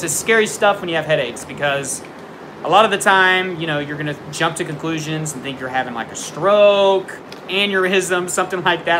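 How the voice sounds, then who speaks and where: A young man with a slightly high voice hosts a casual livestream from home, answering viewer questions with frank tough-love advice and lots of fillers. Sitting near a window during a storm, he gets jumpy and startled by thunder, with background noise in the recording.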